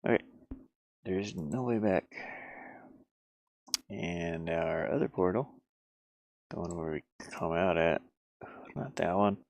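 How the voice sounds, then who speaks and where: This man, a solo indie game developer, mutters casual fragments to himself as he works, in an unscripted think-aloud over a screen recording. He speaks low and slowly with long pauses, his voice gravelly and a little mellow, in a dry recording.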